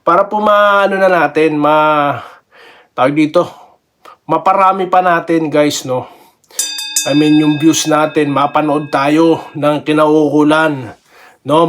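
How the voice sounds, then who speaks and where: A man hosts a casual basketball vlog of sports commentary, his voice a little high for a man, fairly bright, steady and slow. He rambles in a friendly way, laughs often and keeps throwing small tag questions at his viewers.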